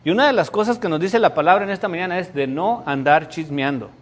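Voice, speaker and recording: Pastor, man, middle-aged, high-pitched, dramatic sermon delivery. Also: fast. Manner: emphatic, dramatic storytelling. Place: church sanctuary before a congregation.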